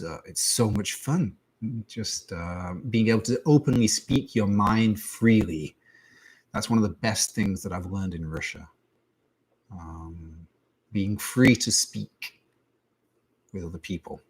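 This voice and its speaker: Englishman, husky, low voice, dry self-mocking jokes, casual Q&A. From England. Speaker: English teacher. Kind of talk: casual Q&A live stream.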